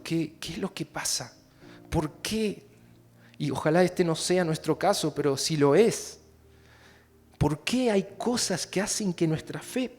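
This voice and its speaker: Argentinian pastor guy preaching, goes quiet then loud, talks right to the congregation, soft music under it. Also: a little high, vocal fry. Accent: Argentine Spanish. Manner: swings from hushed to loud impassioned preaching; addresses the congregation directly. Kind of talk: sermon.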